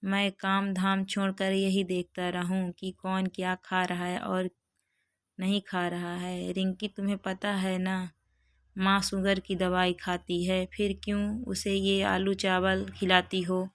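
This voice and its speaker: A woman's voice: medium pitch, monotone, slow pace, no echo, studio quality. A woman voicing an impatient, defensive adult brother in a storybook reading. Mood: exasperated. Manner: exasperated.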